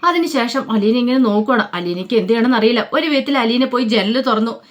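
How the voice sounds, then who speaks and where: This is a woman narrating a family drama in a relaxed, spoken way. Her voice sits fairly high, and she slips into each character's lines without changing much. The telling feels informal and conversational. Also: fast talker. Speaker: storyteller. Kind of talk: casual spoken story narration.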